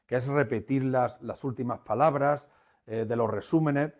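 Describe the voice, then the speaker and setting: A man giving a webinar lesson, animated and emphatic, swinging between loud and soft and repeating key phrases. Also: medium pitch, moderate pace. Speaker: webinar instructor. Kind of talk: lecture on conflict resolution. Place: online webinar.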